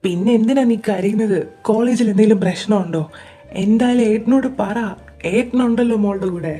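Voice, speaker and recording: Woman playing a protective big brother, coaxing and insistent, mellow tone, audio drama. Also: fairly high pitch, fairly quick, soft background music, lightly acted. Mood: coaxing concern. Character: caring protective elder brother, young man. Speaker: voice actor in fan audio drama.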